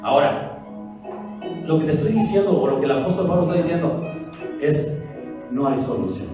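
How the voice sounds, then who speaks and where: A man preaching a lively sermon as pastor, who acts out quotes of church members. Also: fairly high pitch, moderate pace. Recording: echoey hall heard from a distance with faint music.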